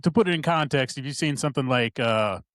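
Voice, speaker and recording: A man's voice: mid-range voice, fast, dry recording, studio quality. A man co-hosting a podcast in casual chat, laid-back and swearing often. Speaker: podcast co-host.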